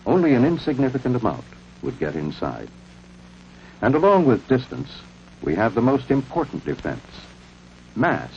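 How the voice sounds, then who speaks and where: An American man narrating a scripted 1950s civil defense film in a measured, authoritative, instructional manner. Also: mid-range voice, wildly swooping pitch, creaky. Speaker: documentary narrator. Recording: muffled, noisy vintage film soundtrack.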